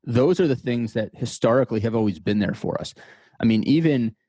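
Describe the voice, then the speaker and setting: A man's voice: mid-range voice, lively intonation, brisk, mellow, husky, dry recording. A man in his thirties from the United States, a podcast guest talking in a casual interview, thoughtful and often repeating words as he thinks. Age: 30s.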